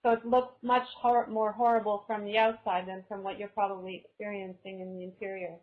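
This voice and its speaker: A woman's voice: mid-range voice, level tone, fairly quick. A woman from Canada, a guest author in a thoughtful, casual webinar conversation who often restarts her phrases as she thinks. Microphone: video call. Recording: slightly dull lo-fi video call audio.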